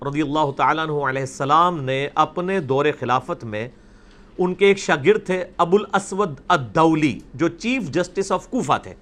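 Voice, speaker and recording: A man's voice: sits high, a bit bright. A man teaching Quran recitation in a classroom lecture at a blackboard, explaining patiently and often checking in with his listeners.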